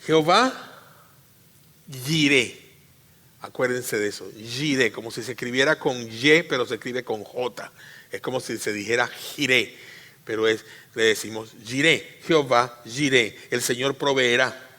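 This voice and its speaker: A man preaches to his congregation with a bright, forceful voice that rings out in a reverberant church hall. He teaches by repeating key phrases and putting questions to his listeners. His delivery swings from loud, emphatic peaks to quieter asides. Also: mid-range voice, normal speed. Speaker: pastor. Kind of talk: sermon.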